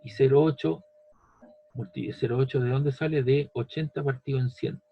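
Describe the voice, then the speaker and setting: This man's voice is mid-range, steady and husky, with vocal fry, delivered at normal speed over lo-fi sound. Patient as he teaches physics step by step, he repeats every step and confirms the student follows with "¿ves?" and "¿cierto?"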